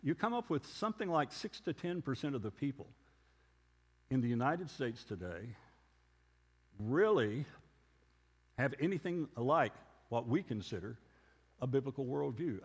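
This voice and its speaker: Lively-voiced man preaching in a hall. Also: mid-range voice, moderate pace, pauses often, husky. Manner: conversational storytelling with rhetorical questions. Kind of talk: sermon lecture.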